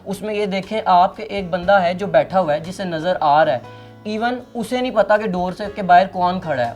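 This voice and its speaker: Earnest man giving a message. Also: high-pitched. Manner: earnest, persuasive.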